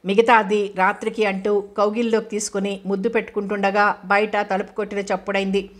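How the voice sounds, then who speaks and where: A woman reads a novel aloud as audiobook narration, steady and measured. Her voice sits at a middle pitch with very little melodic movement. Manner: steady, level reading.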